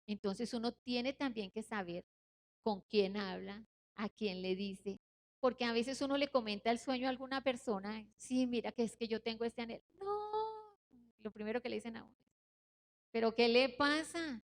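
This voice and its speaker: A woman leading a Bible study, sharing personal testimony in an earnest sermon, slowing down to stress her points. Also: fairly high pitch.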